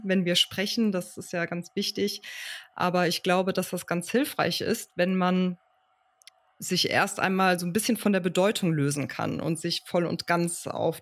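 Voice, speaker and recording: Woman, podcast host, casual interview tone, easy with fillers, steady affirming backchannels. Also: lowish voice. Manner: affirming, frequent "ja" and "mhm" backchannels; relaxed, lightly hesitant with "äh" fillers. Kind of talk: conversational interview.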